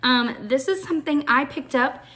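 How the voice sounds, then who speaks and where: A woman's voice: sits high, normal speed, bright, forceful tone. A woman chatting through a show-and-tell vlog as she packs a gift box, enthusiastic and full of ums. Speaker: shoebox packing vlogger.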